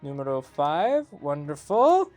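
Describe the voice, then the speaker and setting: A man serves as game master of a tabletop game, narrating turns and results. His voice sits high, and he speaks slowly and deliberately. His manner is playful, with silly sound words sprinkled through the narration. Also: huge pitch swings, darkish tone, soft background music.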